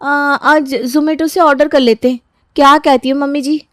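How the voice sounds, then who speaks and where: A woman voicing a lazy, bossy young daughter-in-law who talks loudly and sharply. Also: sits high, steady tone, moderate pace, no room sound, studio quality, voice pushed up. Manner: loud, bossy.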